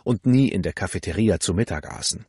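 A man reading a novel aloud as an audiobook narrator, in a calm, measured way. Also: low voice, breathy edge, dry recording. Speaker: audiobook reader.

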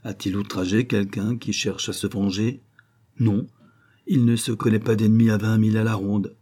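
A man reading a classic adventure novel aloud in measured, scripted storytelling narration. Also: lowish voice, flat delivery, mellow. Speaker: audiobook narrator.

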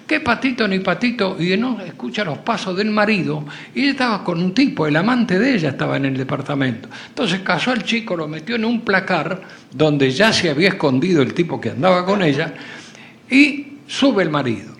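High-voiced Argentine man telling jokes. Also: brisk. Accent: Argentine Spanish. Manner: animated storyteller, acts out the characters. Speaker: joke teller.

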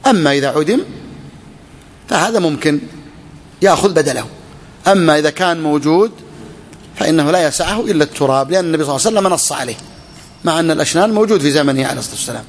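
Man lecturing on a text, kinda high voice, long hall reverb. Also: expressive, very fast, pauses often. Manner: repeats key phrases, asks and answers questions. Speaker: Islamic scholar teaching a fiqh text.

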